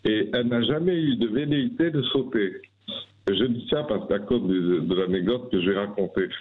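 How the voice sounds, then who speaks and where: Radio call-in listener, male, lowish voice, rambling and hesitant, heard over a tinny phone line. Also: moderate pace, breathy edge. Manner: rambling, hesitant with many restarts. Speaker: radio show caller. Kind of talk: telling a personal anecdote on air.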